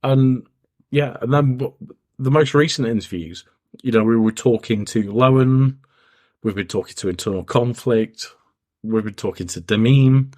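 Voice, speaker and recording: A man's voice: medium pitch, normal speed, a little mellow. Man with hiccups, rambling podcast chat. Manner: rambling, restarts sentences. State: has the hiccups. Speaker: podcast co-host. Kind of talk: casual chat.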